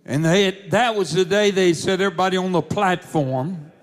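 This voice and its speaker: A man's voice: sits high, moderate pace. A man preaching, telling a testimony in a fervent storytelling manner. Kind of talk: sermon testimony.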